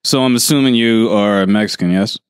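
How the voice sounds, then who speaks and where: Man host, low voice, blunt, curious, casual, clear dry sound. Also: fairly quick, no echo. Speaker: podcast host. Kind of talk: casual interview conversation.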